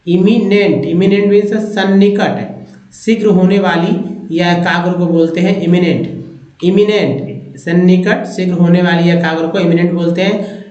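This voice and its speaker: Guy teaching english words off slides, high voice, takes it slow, repeats every meaning, echoey dull recording. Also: a little mellow. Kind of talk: slide-based vocabulary lesson. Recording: echoey room, dull lo-fi sound.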